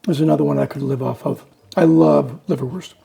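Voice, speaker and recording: Gravelly man in a casual taste test. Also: on the high side, fairly even intonation, a little fast, mellow. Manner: candid, wary of new foods. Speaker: co-host tasting food.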